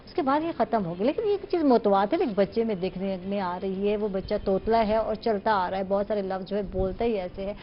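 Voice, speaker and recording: A woman hosting a morning talk show, chatty and quick to chime in with agreement. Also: mid-range voice, muffled recording, a little hiss or hum. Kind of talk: casual talk-show chat.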